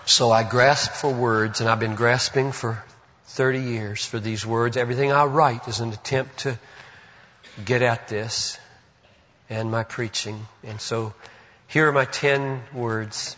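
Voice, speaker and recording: An older man preaching a sermon, moving between raised urgent exhortation and quiet, slow, deliberate reflection. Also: mid-range voice, fairly even intonation. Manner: earnest, swings from loud exhortation to hushed reflection; slow, deliberate repetition of phrases. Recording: long reverb, dull lo-fi sound.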